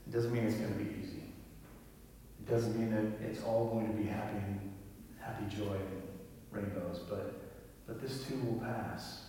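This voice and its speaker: Man, pastor, gentle reflective sermon, soft quiet endings, very echoey, distant from the mic. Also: lowish voice, little pitch movement, moderate pace, slight background noise. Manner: gentle, reflective, drops to quiet near-whispers. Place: large church sanctuary. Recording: echoey hall, voice from far off.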